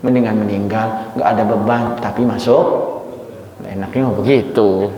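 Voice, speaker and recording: A man giving a sermon as a religious teacher, swinging his pitch dramatically and speaking straight to his listeners. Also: fairly even intonation, normal speed, dark tone. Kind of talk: mosque sermon on a Quran chapter. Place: mosque hall. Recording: echoey mosque hall, faint ambience.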